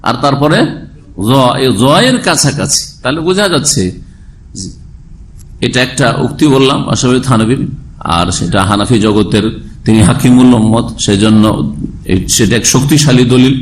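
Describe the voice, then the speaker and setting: A man's voice: medium pitch, normal speed, pauses often, a little hiss or hum. A man preaching a sermon lecture, explaining step by step and asking his listeners rhetorical questions. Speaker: Islamic preacher.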